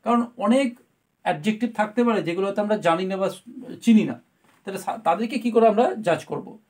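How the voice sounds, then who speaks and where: Grammar teacher, woman, middle-pitched, patient step-by-step explainer who keeps checking that her students follow. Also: fairly quick, a little mellow.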